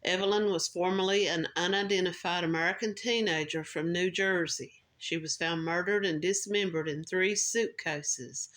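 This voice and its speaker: Lady telling a true crime story, a bit low-pitched, chatty, stumbles and restarts sometimes. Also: a bit bright. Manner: conversational, with restarts and filler words. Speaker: true crime podcast host. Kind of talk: casual true crime narration.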